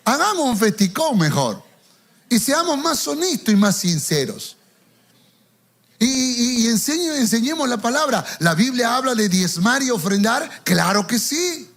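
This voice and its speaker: A man's voice: very high-pitched, very animated, a little slow, a bit bright. A man preaching a sermon as pastor, telling stories, acting out the voices of people he quotes and often repeating words as he goes.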